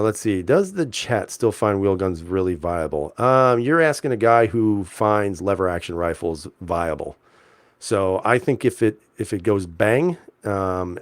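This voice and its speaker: Male streamer host, deep-ish relaxed voice, dry close mic, rambling casual chat. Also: no room sound. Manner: laid-back, chuckling, lots of fillers and restarts. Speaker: livestream host reading chat. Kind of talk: casual live-chat talk.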